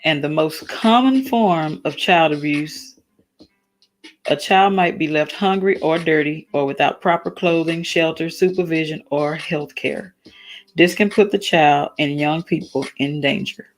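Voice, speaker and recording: A woman's voice: low-pitched, measured pace. A tired woman with a slightly worn voice hosts a casual solo talk. She speaks earnestly, halts and restarts, and reads definitions aloud. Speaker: talk stream host.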